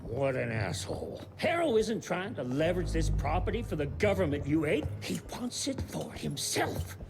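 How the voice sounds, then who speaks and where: Nervy greedy accountant, voice all over the place, music under it. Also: male voice, sing-song, moderate pace, gravelly. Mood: indignant. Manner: nervous, squawking, pitch jumping high when panicked. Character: cowardly greedy male accountant, jittery and whiny. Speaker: hiding accountant. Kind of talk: video game cutscene acting. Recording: game audio with loud score behind.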